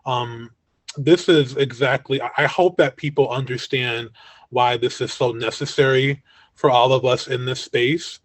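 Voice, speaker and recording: A man's voice: medium pitch, steady tone, measured pace, no echo. A man moderating a video-call panel discussion, talking in a reflective, affirming way.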